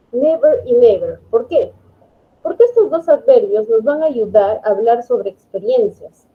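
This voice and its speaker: A woman's voice: on the high side, husky. A woman English teacher, explaining grammar patiently in an online class and checking understanding often. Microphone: video call. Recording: phone-like online call audio.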